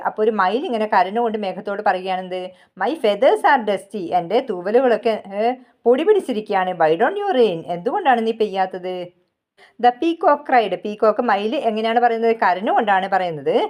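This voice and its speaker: A woman with a Malayali accent teaching a textbook lesson. She reads English lines slowly and deliberately, then explains them quickly. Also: mid-range voice.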